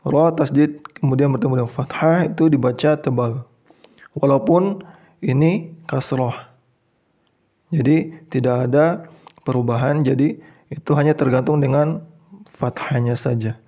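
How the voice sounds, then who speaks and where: An Indonesian man teaches in a slow, unhurried voice of middle pitch. He goes through each step patiently and repeats the examples. When he comes to the key words, he chants them long and loud, and the recording sounds somewhat dull and lo-fi. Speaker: Quran reading teacher.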